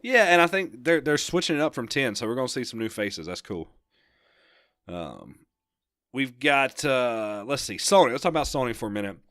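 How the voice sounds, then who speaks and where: A man's voice: mid-range voice, very animated, normal speed, fairly bright tone, dry recording, studio quality. A young man co-hosting a casual gaming podcast, rambling and enthusiastic, laughing often. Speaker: podcast co-host.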